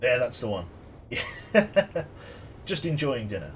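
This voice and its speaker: A young man talks slowly but very animatedly in a mid-range voice while streaming a game, rambling casually, reading chat out loud and joking with viewers. A little hiss or hum can be heard.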